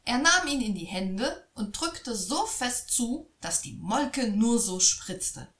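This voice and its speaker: Slow, expressive woman reading a fairy tale. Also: fairly high pitch. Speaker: storyteller. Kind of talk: fairy tale read aloud. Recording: echoey room.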